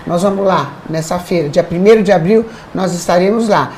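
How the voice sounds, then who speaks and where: A woman hosting a TV talk show, chatting warmly and teasing her guest with effusive praise. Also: on the low side, a little fast, slight background noise. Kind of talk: casual TV chat.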